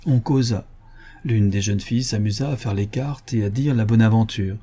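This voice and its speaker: A man narrating a classic detective story in a measured, even storytelling manner. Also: on the low side, slightly rough. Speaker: audiobook narrator. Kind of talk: scripted literary narration.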